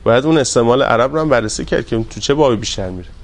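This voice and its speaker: A man teaching a grammar class, drawing out word forms slowly and asking his students questions. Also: medium pitch, animated. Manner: drawn-out repetition of word forms, quizzing students; polite and deferential to the class leader.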